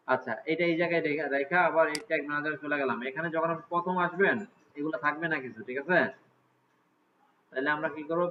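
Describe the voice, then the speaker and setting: A computer class teacher with a slightly high male voice leads a live class walkthrough in a casual way, often stopping to ask students check questions. The sound is tinny and lo-fi, like a phone, with a faint hiss.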